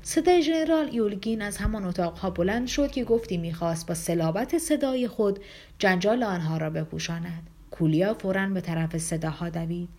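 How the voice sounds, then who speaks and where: A woman with a medium-pitched voice narrates an audiobook, reading scripted text in a steady, even manner.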